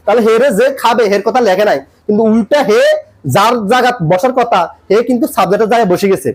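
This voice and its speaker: His voice sitting high and his pace quick, a man runs an English grammar tutorial, repeating things and checking the viewer with questions as he explains.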